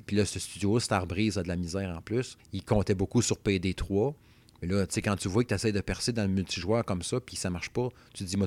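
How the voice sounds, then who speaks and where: Rambling Québécois man, low dry voice. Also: no echo. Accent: Québécois French. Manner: rambling, chatty, full of fillers and "tu sais". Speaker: video game podcast host. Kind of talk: casual chat.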